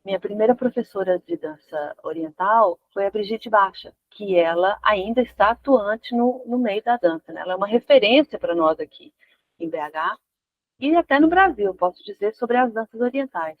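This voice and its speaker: A woman's voice: mid-range voice, normal speed, no echo. Argentine lady in her 50s chatting about her dancing, bit muffled, dry. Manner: relaxed, searching for words with restarts. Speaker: guest dancer. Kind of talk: casual interview.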